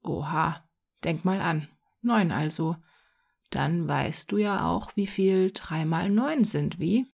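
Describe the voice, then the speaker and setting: A woman voicing a kindly man who gently coaxes a boy in a storybook reading, speaking softly and often half-whispered. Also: on the low side, slow pace, gravelly, full character voice. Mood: teasing. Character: kindly bow-legged man with a rabbit basket.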